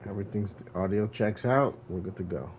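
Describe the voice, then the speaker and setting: A fairly low-voiced man hosts a laid-back online chat, talking loosely with plenty of fillers. His mic keeps glitching and dropping out. The sound is dull and lo-fi, with a faint hiss underneath. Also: brisk. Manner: relaxed, rambling, many fillers. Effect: glitching audio, mic cutting out. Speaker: host. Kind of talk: casual podcast interview.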